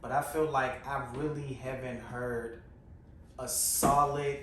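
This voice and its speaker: A man's voice: medium pitch, steady tone, slow, a bit bright, a little hiss or hum. A man co-hosting a podcast, blunt and emphatic in casual chat. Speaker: podcast co-host. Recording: echoey room, distant mic, faint ambience.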